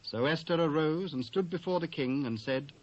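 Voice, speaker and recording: Here the storyteller of a dramatised scripture reading is a British man reading a script in a fairly high, darkish voice at normal speed. The recording has the dull quality of lo-fi cassette.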